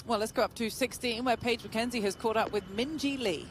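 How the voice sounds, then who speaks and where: A golf commentator giving measured live tournament play-by-play and handing over to colleagues. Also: mid-range voice, a little hiss or hum. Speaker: golf commentator, lead announcer.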